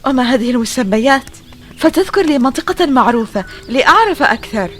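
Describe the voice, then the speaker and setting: A woman's voice: sits high, animated, quick pace, a bit bright. A woman playing a bewildered young modern woman. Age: 20s. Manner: puzzled, questioning. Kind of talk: audio drama acting.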